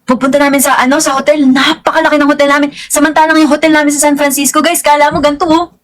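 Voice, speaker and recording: A young woman vlogger telling a story in casual chat, animated and gushing, with drawn-out exclamations and giggles. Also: high-pitched.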